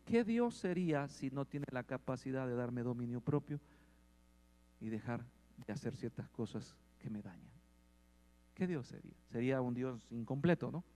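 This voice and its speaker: A man preaching a sermon, asking the congregation questions and growing louder at points. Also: mid-range voice. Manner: asks the congregation questions and swells in volume. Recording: long hall reverb.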